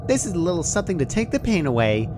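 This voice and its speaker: A man's voice: a little high, sing-song, fast talker, noisy background, pitched above the performer's own voice. A man voicing a perky, sadistic female cartoon pony from a fan story, casual and chirpy while menacing. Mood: cheerfully menacing.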